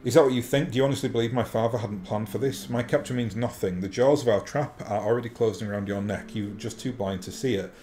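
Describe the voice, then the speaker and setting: A man's voice: fairly low pitch, quick pace, few pauses, dark tone, lightly acted. A man voicing a villainous captive noblewoman from a video game, haughty and vengeful, with theatrical cartoon-villain menace. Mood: menacing. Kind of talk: reading game dialogue aloud in character. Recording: faint background noise.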